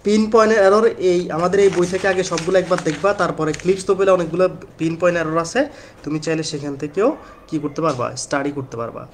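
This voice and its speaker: A man's voice: on the high side, steady tone, fast talker, slight background noise. A man giving a casual exam-prep lecture in Bengali, chatty and repetitive, talking straight to his students. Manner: chatty, repeats points, addresses students directly. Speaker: admission test tutor.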